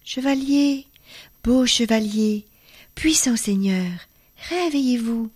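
A woman's voice: fairly high pitch, takes it slowly, darkish tone, slightly rough, pitched above the performer's own voice. A woman storyteller voicing a frail young enchanted girl who pleads and urges in a storybook tale. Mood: pleading. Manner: pleading, pressing.

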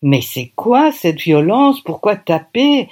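Woman reading a novel out loud, chatty and lively. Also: medium pitch, slow. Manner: lively, conversational. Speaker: audiobook reader. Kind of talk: first-person novel narration.

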